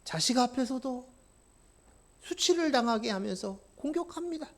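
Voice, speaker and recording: A male pastor preaching a sermon, impassioned and swinging from quiet to loud, often putting questions to the congregation. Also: extremely high pitch, animated, moderate pace.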